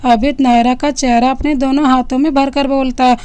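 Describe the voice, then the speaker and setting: A woman narrating a romantic drama story in an expressive, dramatic way. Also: sits high, brisk, no room sound.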